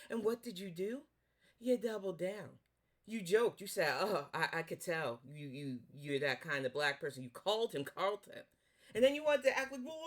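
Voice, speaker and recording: A woman with a New York accent giving blunt, profane, scolding commentary in a reaction video. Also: mid-range voice. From Northeast US. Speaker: commentary YouTuber.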